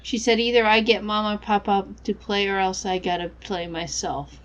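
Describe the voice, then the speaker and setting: A woman's voice: medium pitch, steady tone, normal speed, muffled recording, natural voice. A woman voicing a naive, uneasy young country girl, reading her diary aloud in a game. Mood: sad, reluctant.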